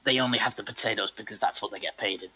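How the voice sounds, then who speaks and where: Husky, sardonic man joking dryly. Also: on the low side, rapid-fire, pushed and bright, rough recording. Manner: dry, sardonic jokes. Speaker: co-host. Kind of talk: casual podcast chat.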